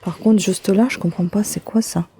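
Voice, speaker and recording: A woman's voice: mid-range voice, steady tone, normal speed, warm tone, husky. A woman vlogging casually as she unboxes a gift, chatting to viewers with many fillers and restarts. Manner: talks straight to viewers while handling an object. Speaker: beauty vlogger.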